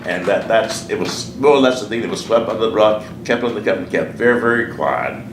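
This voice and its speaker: A man's voice: lowish voice, animated, fairly quick. An older man with a Southern American accent, a pastor from Alabama, earnestly recalling his life in an oral history interview, often repeating his words. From Sheffield, Alabama. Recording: echoey room, distant mic, noisy.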